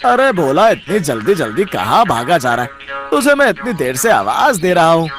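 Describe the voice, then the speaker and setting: A man voicing a sly, scheming older brother in a cartoon story, loud and cajoling. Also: a little high, very animated, normal speed, music in the background. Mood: calling out. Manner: loud, cajoling, chuckling slyly. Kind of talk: cartoon voice acting.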